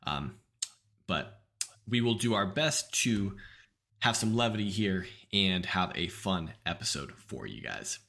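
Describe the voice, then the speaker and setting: A man's voice: deep voice, very animated, unhurried, creaky, bright, forceful tone. An American man hosting a casual podcast chat, upbeat and leaning on fillers like "like" and "um". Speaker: podcast host.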